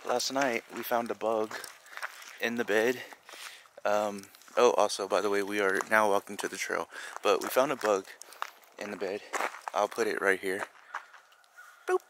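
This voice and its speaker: A man's voice: lowish voice, steady tone, a little slow, long pauses, background noise. A young man with a lisp and slushy s sounds, chatting casually to camera as he vlogs outdoors. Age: young adult. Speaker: vlogger. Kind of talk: casual vlog chat. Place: outdoors on wooded trails and a campsite.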